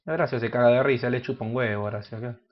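A man with an Argentine Spanish accent giving crude, joking gameplay commentary that bursts into loud shouts. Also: mid-range voice, fairly even intonation, very fast, highs cut off. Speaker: gaming youtuber.

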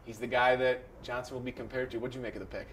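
A young man hosting a TV sports show in a studio, brisk and upbeat as he leads the segment. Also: mid-range voice, little pitch movement, a bit bright, breathy edge. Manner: brisk, upbeat presenter delivery. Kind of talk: TV sports host chat.

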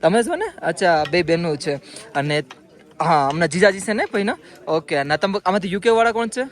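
A man's voice: sits high, fairly quick. A man hosting a casual vlog outdoors, chatty and friendly as he greets people and talks while walking. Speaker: vlogger host. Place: outdoors at a pilgrimage site.

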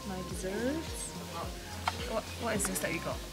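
A young adult woman chats casually to the camera while vlogging her trip as a travel vlogger. Her medium-pitched voice is expressive and moderately paced, with loud background music playing over it.

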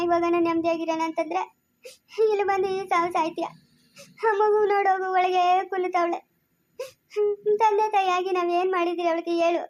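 Fast, high-pitched scolding village woman. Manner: scolding, emotional, rapid rural speech. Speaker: mother in a village family skit. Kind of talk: amateur family drama dialogue.

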